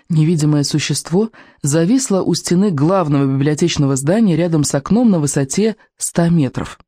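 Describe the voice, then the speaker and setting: An audiobook reader narrating a children's adventure book in a lively, expressive storytelling manner. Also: medium pitch, no echo, clean studio sound.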